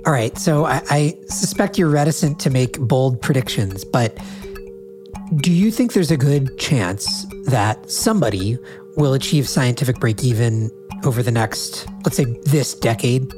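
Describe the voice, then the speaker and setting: A man's voice: mid-range voice, expressive, measured pace, over music. A man hosting a podcast interview, talking articulately with a nasal voice from a cold. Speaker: podcast host.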